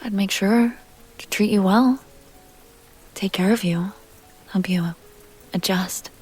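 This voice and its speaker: With soft music in the background, a woman at medium pitch performs a refined vampire heiress in an intimate audio roleplay. Her manner is seductive and direct: gentle, measured, genteel phrasing broken by breathy, playful asides that often fall to a whisper.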